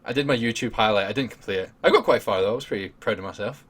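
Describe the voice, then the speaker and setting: A man hosting a casual podcast chat, jokey and quick to laugh. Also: fairly low pitch, fairly bright tone, husky. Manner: giggly, jokey, laughs often. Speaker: podcast host.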